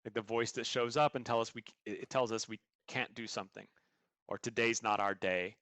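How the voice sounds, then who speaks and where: A man's voice: fairly low pitch, fairly even intonation, brisk, a bit bright, no echo. A man being interviewed as a coach, explaining his ideas earnestly through stories and examples. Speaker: guest coach. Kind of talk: podcast interview answers.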